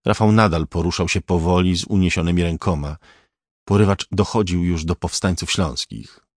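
A man reading a crime thriller aloud as an audiobook narrator, in a measured, even way. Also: low voice, no room sound, studio quality.

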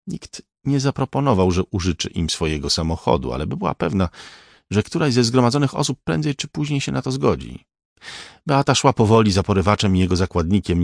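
A man reading a crime thriller aloud as an audiobook narrator, in a measured, even way. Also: deep voice, no room sound, studio quality.

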